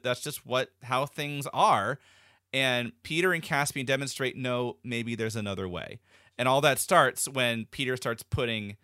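A man with a bright, forceful voice talks over a film in a relaxed discussion. He pauses on fillers and restarts his sentences as he thinks aloud. The sound is close and dry, with no room around it. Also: mid-range voice, dry recording. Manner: thoughtful, many fillers and restarts. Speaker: podcast co-host. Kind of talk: casual discussion.

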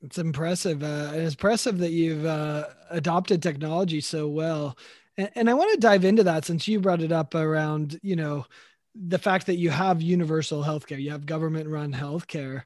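A man's voice: on the high side, moderate pace, darkish tone, no room sound, clean studio sound. A man with an American accent hosting an interview podcast, introducing and questioning his guest. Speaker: podcast host.

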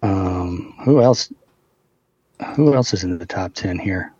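A man co-hosting a casual sports podcast over a muffled remote call, talking in a measured way, running through facts with fillers. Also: low voice, dark tone, breathy edge, no room sound. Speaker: podcast co-host.

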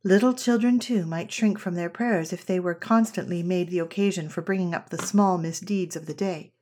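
A woman reading an old essay aloud as scripted narration, in a measured, earnest way. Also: lowish voice, darkish tone. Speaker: reader of an old parenting essay.

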